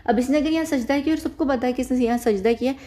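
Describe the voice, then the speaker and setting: A woman gives loose, off-the-cuff commentary with a mellow, somewhat high voice. She circles back on her points and often restarts her sentences mid-thought. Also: fast. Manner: rambling, repeats phrases, frequent self-corrections. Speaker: YouTube commentator. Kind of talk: casual spoken commentary to camera.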